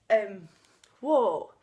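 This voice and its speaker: Sunny and outdoors is the setting as a woman in her thirties opens up emotionally in a personal vlog, unscripted and occasionally laughing. Her mid-range voice is a little mellow, and her stutter makes her block on first sounds.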